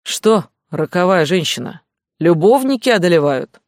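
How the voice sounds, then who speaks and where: Brief: male narrator playing a sarcastic middle-aged investigator, clipped and gruff, a little high for a man. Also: sing-song, moderate pace, no echo, studio quality. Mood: mocking. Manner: sarcastic, curt.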